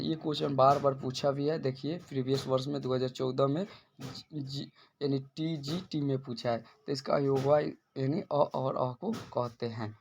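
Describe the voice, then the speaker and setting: A man's voice: a little high, creaky, darkish tone, a little hiss or hum. A male teacher working through exam questions one by one, repeating and restarting phrases as he explains each answer. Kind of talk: exam-prep lesson.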